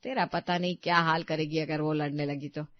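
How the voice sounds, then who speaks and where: A woman's voice: low-pitched, fairly even intonation, brisk, no room sound, muffled recording, voice pushed down, close to an everyday voice. A woman voicing a kindly elder brother-in-law in a cartoon story, giving fatherly advice. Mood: advising. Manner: fatherly, advising.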